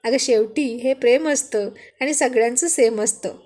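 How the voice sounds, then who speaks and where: Brief: woman voicing a playful husband, joking and flirty, highish voice. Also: moderate pace, darkish tone, close to an everyday voice. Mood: teasing.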